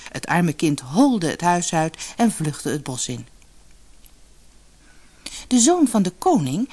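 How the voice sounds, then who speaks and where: Husky woman reading a fairy tale aloud. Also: low voice, darkish tone. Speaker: reader. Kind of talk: storybook narration.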